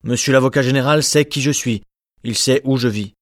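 A man voicing a grave, resolute former convict turned mayor, speaking sternly and calmly in a dramatized audiobook. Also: mid-range voice, a little fast, no room sound, clean studio sound, natural voice. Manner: stern, then grave and calm.

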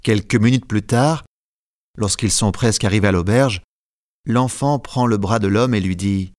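Man reading an audiobook, calm and measured, dry studio sound. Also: lowish voice, dry recording. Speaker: narrator. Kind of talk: scripted audiobook narration.

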